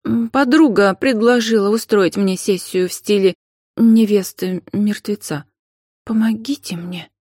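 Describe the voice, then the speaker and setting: A woman's voice: a little high, normal speed, few pauses, breathy edge, no echo, clean studio sound, voice pushed up. Woman playing a frightened young client. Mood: pleading. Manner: hushed, trembling.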